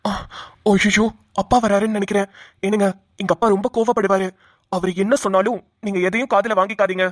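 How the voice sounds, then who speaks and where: A woman's voice: medium pitch, flat delivery, fairly quick, no echo, studio quality, natural voice. A woman voicing an earnest young husband in a cartoon, who reassures his bride and defies his father. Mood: reassuring. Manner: reassuring, then defiant. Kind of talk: cartoon voice acting.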